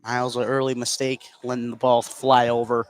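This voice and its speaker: A man delivers brisk, monotone play-by-play radio commentary on a basketball game in an indoor school gym, his voice in the mid range. Crowd noise from the gym fills the background.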